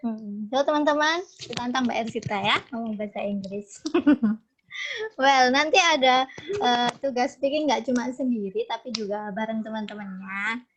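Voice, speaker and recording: A woman's voice: on the high side, normal speed, slight background noise. A woman teaching an online English class, chatty and encouraging, often laughing as she mixes English with her own language. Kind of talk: casual online class talk mixing English and Indonesian. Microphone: video call. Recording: dull lo-fi video call audio.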